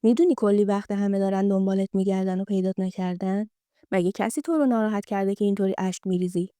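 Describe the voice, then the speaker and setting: A woman storyteller voicing a friendly young woman who speaks in a gentle, coaxing way. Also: mid-range voice, fairly even intonation, no echo, studio quality, close to an everyday voice.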